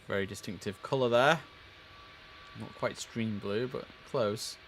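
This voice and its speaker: A man with a lowish voice live streams as an air traffic controller, speaking a little slowly. He mixes chatty muttered asides with clipped, formal radio-style instructions.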